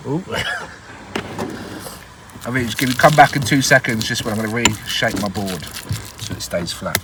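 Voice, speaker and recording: Out in the woods, a man runs a laid-back cooking show, chatting and joking his way through each step and laughing a lot. His mid-range voice has lively intonation at a normal speed, with background noise behind it.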